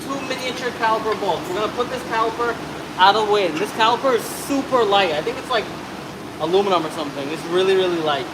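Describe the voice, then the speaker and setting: A man's voice: sits high, lively intonation, fast, background noise. A man in his thirties, an auto mechanic talking casually and ramblingly through a brake job in a shop, swearing now and then. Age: 30s. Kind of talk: casual how-to narration while working. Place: auto shop with a truck on a hoist.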